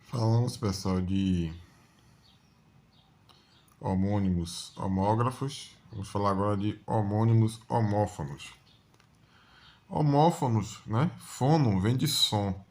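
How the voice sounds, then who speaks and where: Slow-talking male grammar teacher. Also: on the low side, a little mellow. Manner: explains slowly with frequent "né?" checks. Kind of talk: exam-prep grammar lesson.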